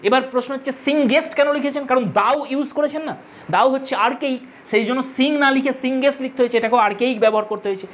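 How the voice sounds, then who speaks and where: A woman's voice: high-pitched, rapid-fire. A woman teacher explaining a poem line by line, addressing her students directly and repeating key terms. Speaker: English literature teacher.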